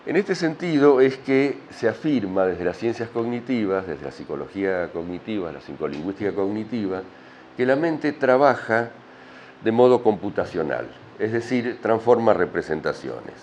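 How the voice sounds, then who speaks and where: A man's voice: lowish voice, expressive, normal speed, a little mellow. A man with an Argentine accent giving a university lecture, explaining step by step and often checking in with the class. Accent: Argentine Spanish. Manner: explanatory, checks understanding with frequent tag questions. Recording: dull lo-fi lecture recording with faint noise.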